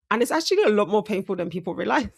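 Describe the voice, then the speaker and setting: A woman's voice: medium pitch, vocal fry. A woman hosting a casual sports breakdown, chatty and self-correcting, her speech slightly impeded by braces. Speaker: host.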